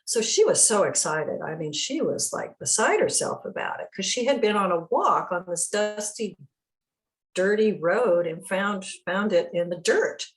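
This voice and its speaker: A woman's voice: medium pitch, expressive, a little slow, poor audio. A woman casually telling a rambling personal story to a study group over a video call, chatty and often laughing.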